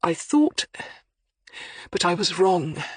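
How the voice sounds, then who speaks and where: A man's voice: high-pitched, very animated, slow pace, husky, dry recording, full character voice. A narrator voicing an older male academic who speaks in a wavering, hesitant, apologetic way. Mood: pained, defensive.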